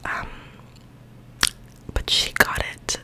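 A woman's voice: drawn-out words, pushed and bright. A young woman tells everyday stories in an intimate, breath-only whisper. She rambles informally, right up close to the microphone, in a casual ASMR style. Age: young adult. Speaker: ASMR creator. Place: small bedroom, indoors. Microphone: large microphone with foam cover, very close.

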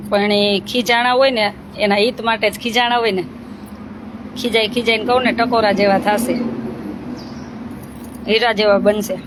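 A woman's voice: mid-range voice, steady tone, normal speed, long pauses. A woman, chatting in a motherly, teasing way as an ashram caretaker. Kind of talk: casual chat with girls and viewers. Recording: noisy outdoor recording with traffic.

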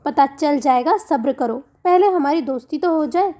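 High bright voice, cheeky young woman doc, sweet fake-innocent teasing, lo-fi muffled, narrator doing it. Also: moderate pace, natural voice. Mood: playful. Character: mischievous young woman doctor, playful prankster.

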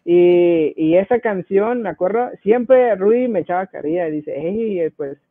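A man from Guatemala chats as a guest, an easygoing rapper who chuckles as he tells his stories. His voice sits high, and the sound is dry and thin like a phone line. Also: moderate pace, no echo. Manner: easygoing, chuckles between anecdotes. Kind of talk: casual interview storytelling.

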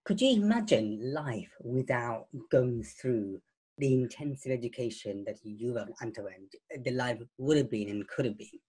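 A man's voice: mid-range voice, animated, moderate pace, a little mellow, husky. A man interviewing a guest, asking patient questions and restating the answers before moving on. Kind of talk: oral history interview.

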